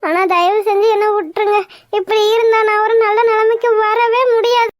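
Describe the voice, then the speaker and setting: A woman's voice: extremely high pitch, flat delivery, fairly quick, background noise. A woman voicing a stubborn young woman in a cartoon, scolding and insistent as she pushes away her suitor. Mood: pleading. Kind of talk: cartoon voice acting.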